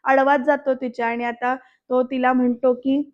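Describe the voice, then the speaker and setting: Woman recapping a serial episode, flat tone. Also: high voice, moderate pace, highs cut off. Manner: storytelling recap, often addressing the viewers directly. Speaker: serial reviewer.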